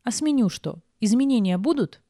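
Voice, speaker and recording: A woman reading the lines of a cheerful, bustling middle-aged female cook in an audiobook, homely and lively. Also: a little high, fairly quick, no echo, studio quality, voice pushed up.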